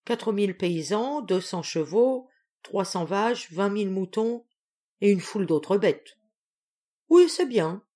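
A woman's voice: mid-range voice, expressive, slow pace, mellow. A woman voicing a proud, touchy old general of sixty-three who barks orders in an audiobook reading. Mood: blustering. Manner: gruff, touchy, commanding.

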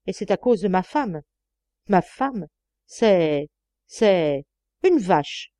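A lecherous older master who stammers and pleads, as a woman reader voices him in a slow, measured audiobook read. The voice stays mellow and warm, recorded close and dry. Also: mid-range voice, no echo, lightly acted. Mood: indignant.

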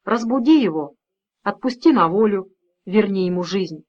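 A woman doing a calm, steely father. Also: mid-range voice, moderate pace, lo-fi sound, close to an everyday voice. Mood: calm, firm. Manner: calm, steady, quietly menacing. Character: calm, firm middle-aged father confronting evil.

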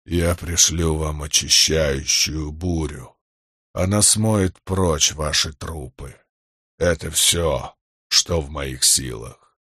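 A man voicing an ancient, cold male storm god in an audiobook, with a grave, rumbling delivery. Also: slow, a bit bright, breathy edge, dry recording, clean studio sound, exaggerated voice.

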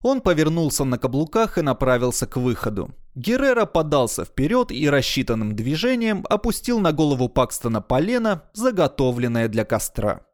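A man narrating a science fiction audiobook in a measured, expressive reading voice. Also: fairly high pitch.

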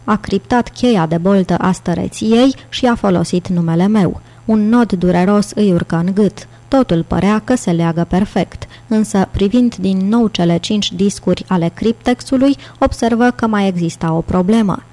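A woman narrating an audiobook in a steady, measured reading. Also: medium pitch. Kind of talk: scripted narration.

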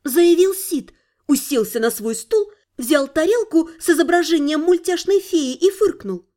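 A woman narrating an audiobook in a high voice. She reads with lively, ironic storytelling and a scripted, even delivery. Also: measured pace.

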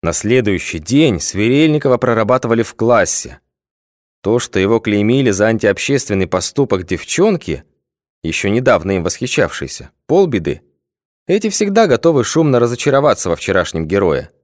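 A man narrating an audiobook in a measured, literary reading. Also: fairly low pitch, very animated, no room sound, studio quality. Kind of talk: scripted narration.

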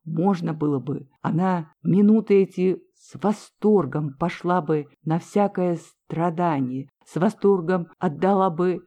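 A woman reading a classic novel aloud in a measured, even storytelling manner. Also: fairly low pitch. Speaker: audiobook reader. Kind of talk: audiobook narration of a classic novel. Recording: dull lo-fi recording.

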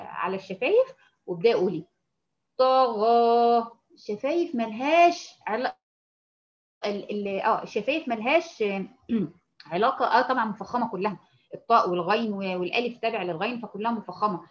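A woman with an Egyptian Arabic accent teaching a Quran recitation lesson, patiently explaining and slowly demonstrating sounds. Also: mid-range voice, muffled recording. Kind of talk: tajweed lesson.

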